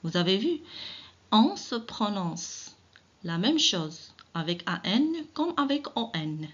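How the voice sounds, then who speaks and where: A woman teaching children to read, stretching out each syllable with great patience. She speaks slowly and encourages her pupils often. The recording sounds dull and lo-fi. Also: medium pitch, big pitch swings, a bit bright. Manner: slow, drawn-out syllable-by-syllable reading; encouraging, addresses children directly. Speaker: primary school teacher. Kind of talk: early reading lesson.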